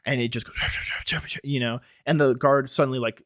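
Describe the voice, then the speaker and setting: Man, game master, rambling narration, filler-heavy, mid pitch, dry close sound. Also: flat delivery, fast, dry recording. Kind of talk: narrating a tabletop horror game.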